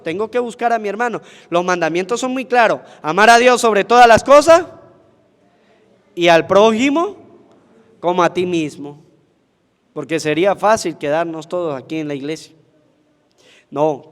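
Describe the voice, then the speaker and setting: A priest preaches at Mass in a high, carrying voice. He keeps asking the congregation questions and answering them himself. The long reverb of the church rings behind him. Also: expressive, normal speed. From Venezuela. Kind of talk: sermon at Mass.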